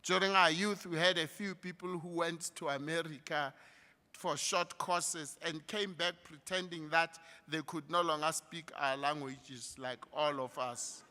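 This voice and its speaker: A man with a South African accent giving a graduation address in a large hall. He speaks slowly and emphatically, rising like a preacher on key points. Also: fairly high pitch, steady tone, pushed and bright. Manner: slow, emphatic speechmaking with a preacher-like rise. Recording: reverberant hall through a PA.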